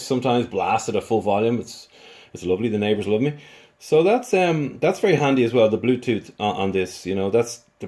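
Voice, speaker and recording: This reviewer, a man, stumbles through an unscripted, casual product review with hesitations and repeated words, his voice medium-pitched and a little mellow.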